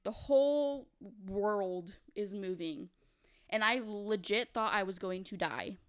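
Young female podcast co-host, smooth voice, animated casual storytelling. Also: mid-range voice, takes it slowly. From California. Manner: animated, lots of "like", laughs while telling.

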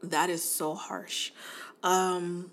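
Casting: woman, 40s, podcast host, warm chatty delivery, slightly low voice, laughs easily. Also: flat delivery, drawn-out words. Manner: chatty, laughs often, addresses listeners as y'all. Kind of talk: casual podcast monologue.

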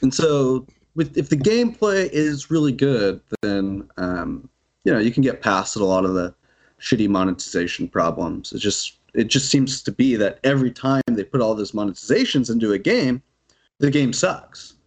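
A man's voice: medium pitch, lively intonation, normal speed. A man casually chatting about video games on a podcast, rambling and laughing often, with casual swearing.

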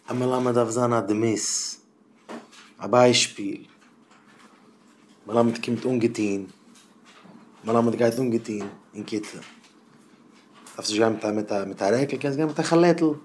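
A man giving an encouraging talk to teachers as a rabbi. He moves between quiet, low asides and loud, impassioned stretches. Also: moderate pace, pauses often, a little hiss or hum. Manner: swings from low murmurs to loud impassioned bursts. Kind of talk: Yiddish chizuk talk.

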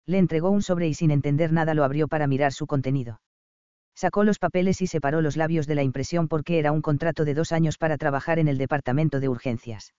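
Male narrator, smooth clear voice, fairly high. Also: quick pace, warm tone, no room sound, muffled recording. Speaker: audiobook narrator. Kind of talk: scripted narration.

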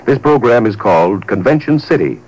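A man's voice: mid-range voice, expressive, normal speed, darkish tone, husky, poor audio. A man announcing an upcoming program in formal, polished 1940s radio style.

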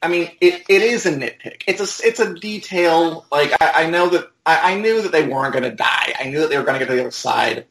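A man on a podcast panel giving casual opinions in a halting, emphatic way, repeating his words. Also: fairly high pitch, animated, fairly bright tone. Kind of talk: casual opinionated fan discussion. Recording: echoey room.

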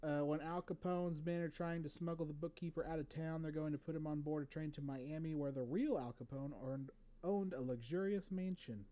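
A man co-hosting a casual podcast, reading movie trivia from his notes in a relaxed way with fillers. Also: fairly high pitch, a little fast, lo-fi sound. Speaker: podcast co-host.

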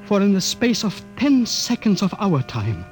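An actor playing a solemn, grieving scientist father in 1950s radio style, with deliberate dramatic pauses. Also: high-pitched, wildly swooping pitch, darkish tone, soft background music, exaggerated voice. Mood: solemn awe. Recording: hissy old radio broadcast disc.

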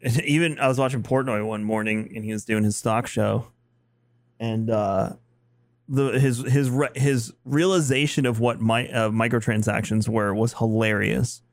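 A man co-hosting a gaming podcast in casual chat, voice at an ordinary middle pitch. He rambles through restarts and laughs often, recorded dry and close. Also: fairly even intonation, normal speed, no room sound. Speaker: podcast co-host.

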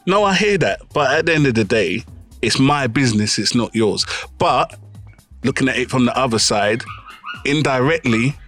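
A man's voice: medium pitch, animated, normal speed, fairly bright tone, soft background music. A man with a London roadman accent, debating casually and in slang as a podcast co-host.

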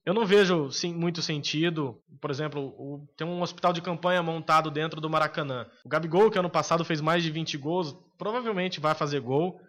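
A Brazilian Portuguese-accented man co-hosts a casual sports podcast, offering strong opinions but hesitating often with filler pauses. His voice sits on the high side with a fairly bright tone.

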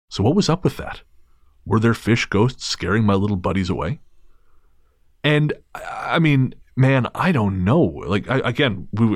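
Reading a listener's story aloud at times, this podcast host chats casually in a lowish voice with a dry, joking wit. His delivery includes hesitant restarts, and the recording has no room sound.

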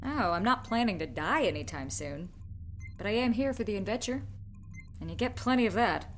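A woman's voice: mid-range voice, animated, normal speed, faint music behind, close to an everyday voice. A woman playing a dry, teasing ship's medic.

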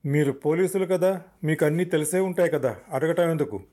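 A man's voice: on the high side, brisk, warm tone, pitched above the performer's own voice, lightly acted. A man voicing a stubborn, nervous male murder suspect who insists with a shaky voice. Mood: evasive.

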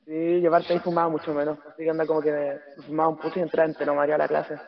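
A man's voice: a little high, monotone, very fast, creaky, lo-fi sound. A young man with a Chilean accent rambling through a memory in casual chat, restarting his sentences as he goes. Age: young adult. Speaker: podcast guest.

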